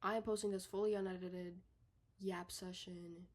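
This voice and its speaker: A young woman in her own bedroom, rambling in a casual, unedited video diary. She is out of breath, swears casually, corrects herself often and lets her sentences trail off softly. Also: lowish voice, little pitch movement, moderate pace. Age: young adult. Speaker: vlogger.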